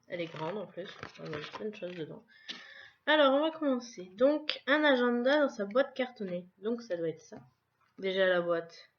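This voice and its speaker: A woman records a casual unboxing vlog, walking through each item in a relaxed, chatty way. She speaks slowly at a mid pitch. The sound is dull and lo-fi, with a faint hiss behind her. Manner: slow, chatty, describing items one by one. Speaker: vlogger unboxing a subscription box.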